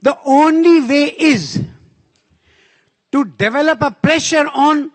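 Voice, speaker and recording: A very high-voiced man, Pakistani-accented with Urdu as his first language, delivers a forceful conference speech. He slows down to hammer home his main points, and the recording is dry.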